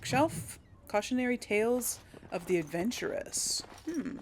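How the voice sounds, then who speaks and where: A woman with a slightly high, lively voice hosts a relaxed video game let's play, thinking aloud without hurry as she explores. Faint game audio and a little background noise sit behind her.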